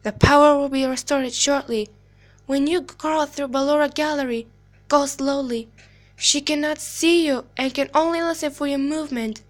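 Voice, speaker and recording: A woman, an amateur voice actor, plays an eerie animatronic clown girl from a video game in a high, girlish pitch, delivering a character monologue as an urgent warning. She speaks slowly and deliberately in hushed storytelling that drops into whispers, sweet on top with a sinister undertone, like a secret told slowly. Her intonation is fairly even and the acting is light.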